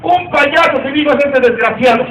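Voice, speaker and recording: A man's voice: very high voice, brisk. A man working as a rodeo clown comedian, telling jokes live and teasing the audience brashly. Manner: brash, insulting banter with the audience. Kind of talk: live joke-telling to a crowd. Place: outdoor rodeo arena. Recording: echoey, distant, loud crowd.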